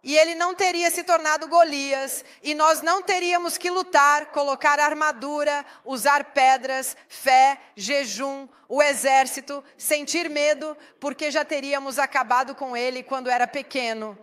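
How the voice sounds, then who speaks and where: A woman's voice: high-pitched, normal speed, few pauses, a bit bright. A woman pastor preaching a sermon, emphatic and putting rhetorical questions to the congregation.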